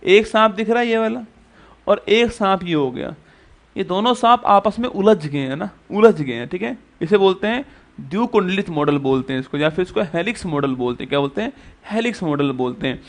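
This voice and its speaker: High-voiced male exam-prep teacher. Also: animated, fairly quick. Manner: repetitive, quizzes students with rhetorical questions. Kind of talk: exam-prep classroom lecture.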